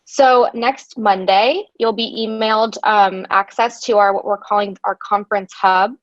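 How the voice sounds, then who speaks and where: A conference organizer presents a webinar over slides, talking chattily into a computer mic with lots of ums. Her mid-range voice is fairly even and a little slow, and the call audio is dull, dry and lo-fi with no room sound.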